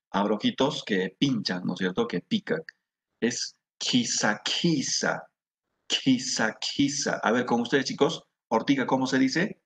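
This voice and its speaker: A middle-aged man with a Peruvian Spanish accent teaching a class, slowly repeating words for students to echo. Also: lowish voice. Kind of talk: classroom lesson.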